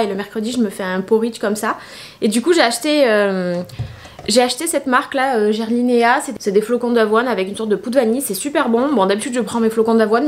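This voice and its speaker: A tired young beauty vlogger chats casually through a get-ready-with-me video in her bedroom, rambling with many fillers. Her voice is on the high side with a darkish tone.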